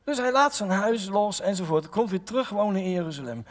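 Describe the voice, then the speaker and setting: A man's voice: high-pitched, brisk. A Dutch man preaching a sermon as pastor, retelling a Bible story with acted-out lines and direct questions to his listeners. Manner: lively storytelling, voicing biblical characters, direct questions to the congregation. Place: church hall. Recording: long church reverb.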